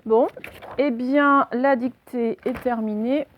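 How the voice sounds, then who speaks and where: For a children's dictation lesson, a woman primary school teacher carefully sounds out each letter and syllable. Her voice is on the high side, steady and slow, over dull audio with slight background noise.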